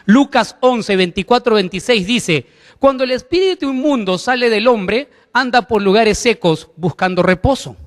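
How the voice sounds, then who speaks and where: A man's voice: extremely high pitch, moderate pace, big-room sound. A man preaching a sermon as pastor, emphatic, putting questions to the congregation.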